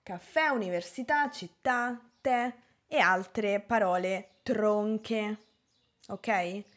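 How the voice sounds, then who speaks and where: A woman from Italy teaching a language lesson at an unhurried pace. She lays out each example word with careful, deliberate pronunciation, in a mid-range voice. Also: medium pitch. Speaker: Italian teacher. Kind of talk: slow, clear language lesson.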